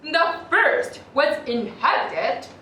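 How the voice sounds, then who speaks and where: A young woman narrating a student stage play in a slow, gentle storytelling manner. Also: high-pitched, very animated. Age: young adult. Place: theater stage. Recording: echoey hall from far off, with music. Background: music.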